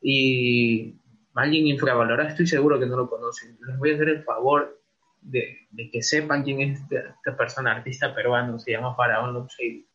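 A man's voice: medium pitch, steady tone, normal speed, a bit bright. Playful man hosting a casual podcast. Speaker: podcast host. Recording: slightly dull lo-fi sound.

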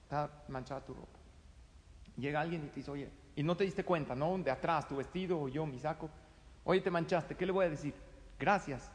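A middle-aged man with a Mexican accent gives a conversational advice talk, acting out the quoted exchanges in a lively way. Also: fairly high pitch, a little fast. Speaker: speaker giving advice. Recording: long hall reverb.

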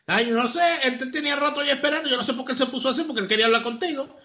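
A man doing a high, flustered receptionist woman. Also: racing, bright, forceful tone, lo-fi sound, heavily acted. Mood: bewildered. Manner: defensive, bewildered.

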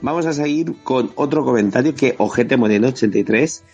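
A man from Spain with a Spanish accent hosts a podcast, casually talking and sharing comments from listeners. He speaks fairly quickly in a mid-range voice that's husky and a little mellow. The audio is dull and lo-fi, backed by faint music.

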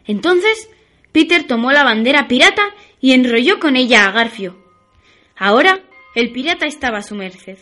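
A woman narrating a children's story on the radio in a lively, expressive way. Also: high voice, moderate pace, faint music behind.

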